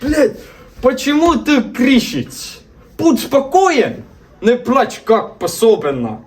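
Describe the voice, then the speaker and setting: A woman voicing a loud, bossy, hot-tempered male comrade who shouts his orders. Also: on the high side, big pitch swings, slow pace, reverberant, far from the mic, faint music behind. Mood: shouting.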